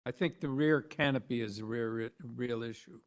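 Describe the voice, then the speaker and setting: A Canadian man chairing a public planning hearing, brisk and procedural. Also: medium pitch. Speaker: committee chair.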